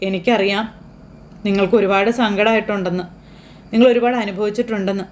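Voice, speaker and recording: A woman's voice: medium pitch, fairly even intonation, brisk, a little hiss or hum, lightly acted. A woman voicing a remorseful grown son begging forgiveness, quoting his lines plainly while retelling a TV serial episode.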